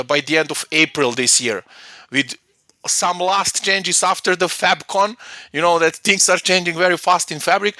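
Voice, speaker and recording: A man's voice: on the high side, sharp tone, dry recording. A man from Serbia, a guest in a conversational interview, talking hesitantly with many fillers and restarts. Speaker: guest, data platform consultant.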